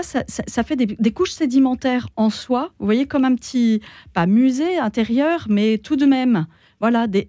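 Woman, radio guest, mellow voice, thoughtful, dry studio sound. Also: fairly high pitch, no room sound. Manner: thoughtful, searching for words. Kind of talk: radio discussion.

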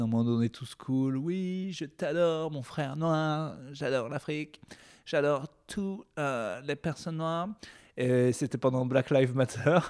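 A hoarse young man delivering a rambling, crude, joking comic monologue as a vlogger. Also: mid-range voice, darkish tone. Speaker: comedy vlogger. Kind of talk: comedic monologue.

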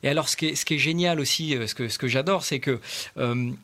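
A man's voice: mid-range voice, fast, fairly bright tone. A man reviewing a film on a talk show, enthusiastic and gushing as he tells a story. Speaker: film critic. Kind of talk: radio film review chat.

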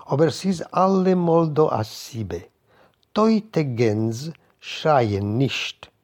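A man's voice: a little high, sing-song, very slow, darkish tone, pitched above the performer's own voice, full character voice. A man reading a story aloud and voicing a firm, decisive mother. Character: stern rationalist mother, commanding.

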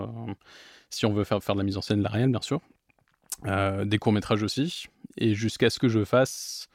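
A man's voice: fairly low pitch, vocal fry, darkish tone, no room sound, clean studio sound. A young man from England, a filmmaker guest in a casual interview, giving long rambling answers.

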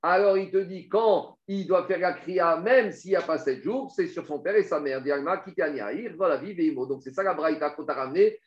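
Man, higher voice, Talmud class, reads passages then explains, dull echoey recording. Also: brisk, hardly any pauses. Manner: reads Aramaic passages then explains in French, asks and answers questions. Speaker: Talmud teacher.

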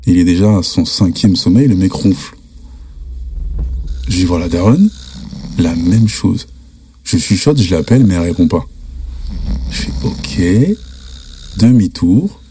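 A young man from France telling a spooky personal anecdote in lively, slangy casual speech. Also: low-pitched, a little slow, pauses often, a little hiss or hum. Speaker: storyteller.

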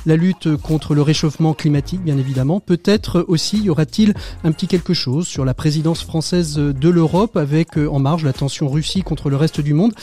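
An older man hosting a radio show, speaking in a measured, formal way with frequent hesitations. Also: a little high, dark tone. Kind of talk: radio show introduction and interview. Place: studio set up in association offices.

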